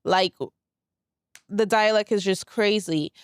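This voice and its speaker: Slow and smooth, her mid-range voice keeps a fairly even intonation over clean, studio-quality audio with no echo. She's a podcast host in her thirties from Saint Lucia, raised in Brooklyn, New York, whose Brooklyn accent has a light Saint Lucian trace. Her casual solo show is candid and laid back, full of "like" and some swearing.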